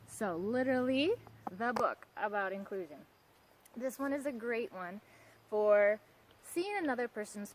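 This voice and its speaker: A woman's voice: mid-range voice, a little hiss or hum, rough recording. A woman presenting children's picture books in a casual review, retelling the stories with brief character voices.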